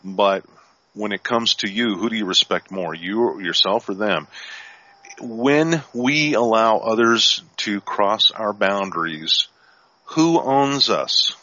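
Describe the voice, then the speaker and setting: A man talking calmly and firmly as an instructor in a live-streamed talk, sometimes acting out sample dialogue. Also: on the low side, slow pace. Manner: calm, firm, acts out sample dialogue. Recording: dull lo-fi stream audio.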